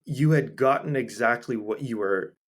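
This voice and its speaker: A man hosting a podcast, gently asking questions and reflecting on his guest's story. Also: mid-range voice, normal speed. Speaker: podcast host. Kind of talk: interviewing.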